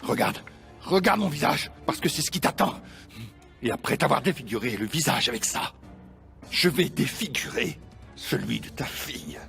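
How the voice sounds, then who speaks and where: An actor in a French-dubbed telenovela playing a sadistic, threatening villain who holds women hostage and taunts them. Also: male voice, mid-range voice, very animated, fairly quick, vocal fry, a bit bright. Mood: sadistic, taunting. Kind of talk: dubbed telenovela melodrama acting. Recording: dramatic music behind.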